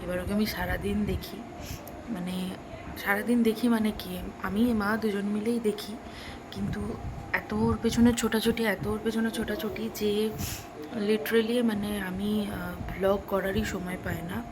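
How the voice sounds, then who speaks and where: Young woman vlogging softly at home. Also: steady tone, a little slow. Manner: drops to a hushed voice while a child sleeps; high sing-song baby talk with a child. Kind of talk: casual vlog talk. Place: at home indoors. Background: loudspeaker noise from a festival outside.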